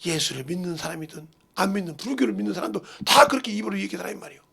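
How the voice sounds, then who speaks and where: A middle-aged male pastor preaches a story-filled sermon, sinking to hushed murmurs and surging to loud cries as he voices relatives. His voice is high, creaky and breathy at the edges, expressive, and racing.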